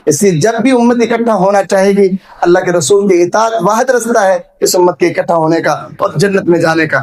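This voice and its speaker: High-pitched impassioned male preacher. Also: darkish tone. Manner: impassioned, rising to emphatic peaks; repetitive rhetorical lists. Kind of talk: Friday sermon.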